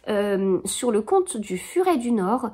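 At home in her living room in front of a bookshelf, a woman in her thirties hosts a book podcast, chatting casually and rambling with many fillers and restarts. Her mid-range voice is warm and slightly rough, slow, with big pitch swings.

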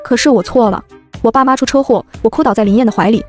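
A woman narrating a web novel in a brisk, fast first-person telling, over background music. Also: on the high side.

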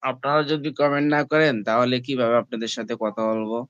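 A man's voice: medium pitch, fast talker, a bit bright, smooth, dry recording, highs cut off. A man, streaming live from home on a phone and chatting casually with his viewers, asking them again and again to comment and like. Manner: repeatedly asks viewers to comment and like; calls viewers "brother" and "friends". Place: indoors, at home.

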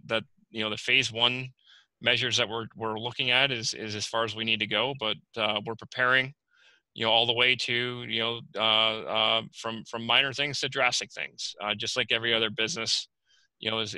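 A man, the borough manager, reporting at a virtual council meeting, halting with many fillers and restarts. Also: fairly low pitch, bright, forceful tone, no room sound, low-quality recording. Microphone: video call.

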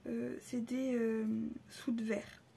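A woman casually showing off souvenirs she bought on a trip, hesitant, with many pauses and fillers, and often dropping into soft half-whispers. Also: fairly high pitch, little pitch movement, gravelly, slight background noise. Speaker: vlogger showing a shopping haul. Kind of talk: casual haul video.

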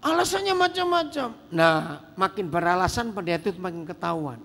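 A middle-aged male pastor preaching a sermon in a lively way, peppering the congregation with rhetorical questions. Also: sits high, brisk. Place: church hall. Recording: reverberant church hall.

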